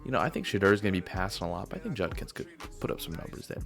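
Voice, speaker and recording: A man's voice: low-pitched, big pitch swings, very fast, gravelly, a bit bright, soft background music. A man casually giving his weekly sports predictions, tired and yawning, rambling and correcting himself as he goes. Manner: offhand, rambling, self-correcting, yawns while talking. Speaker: sports video host.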